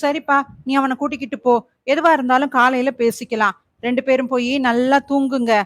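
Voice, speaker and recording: A woman voicing a caring middle-aged mother in an audiobook thriller, speaking softly and with concern. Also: high-pitched, fairly even intonation, normal speed, dry recording. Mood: worried. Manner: soft, concerned.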